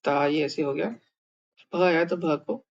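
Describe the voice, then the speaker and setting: A man's voice: a little high, takes it slowly, dull audio. Man giving a casual, rambling language lesson. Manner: thinking aloud, many fillers and repeats. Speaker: language teacher.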